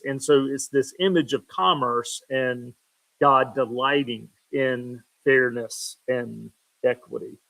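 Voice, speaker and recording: A man as pastor giving a casual devotional video, relaxed and self-deprecating, with many filler ums, reading Bible passages aloud. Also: medium pitch, poor audio. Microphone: talking to camera for a video.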